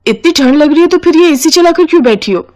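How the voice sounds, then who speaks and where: High, fretful young bride for a cartoon, a woman putting it on. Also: animated, fast talker, darkish tone. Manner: fretful, exclaiming. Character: young new bride, shivering and exasperated.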